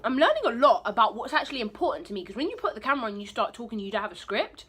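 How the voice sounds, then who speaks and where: Bright, chatty woman vlogging. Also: on the high side, big pitch swings, racing, slightly rough. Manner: rambling, candid, talks while eating. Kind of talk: casual vlog chat. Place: her bedroom. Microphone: phone camera.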